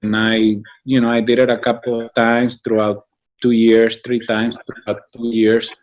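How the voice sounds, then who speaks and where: Speaking at medium pitch with little pitch movement, this guest from Mexico responds to interview questions. He founded a business association and talks thoughtfully, hesitating often with fillers and restarts.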